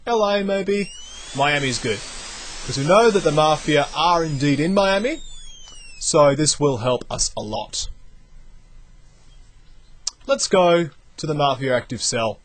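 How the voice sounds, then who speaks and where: A young man, not from the United States, commentating a video game as he plays, thinking out loud with lots of energy. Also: fairly high pitch, unhurried, long pauses. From outside the United States. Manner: animated, thinks aloud while playing. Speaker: let's play commentator. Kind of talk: gameplay commentary.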